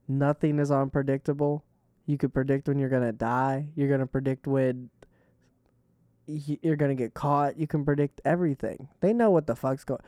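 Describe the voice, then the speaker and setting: A man's voice: medium pitch, warm tone, smooth, no echo, studio quality. Laid-back, swearing podcast host, a man. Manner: rambling, laughs often and swears freely. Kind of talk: casual chat.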